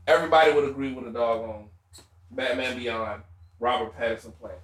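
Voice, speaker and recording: A man with a Southern US accent co-hosting a podcast in casual chat, animated, laughing often and saying "bruh". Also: medium pitch, brisk. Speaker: podcast co-host.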